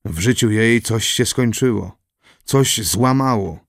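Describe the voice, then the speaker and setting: A man reading a historical novel aloud as an audiobook narrator, in a measured, solemn way. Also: on the low side, dry recording, studio quality.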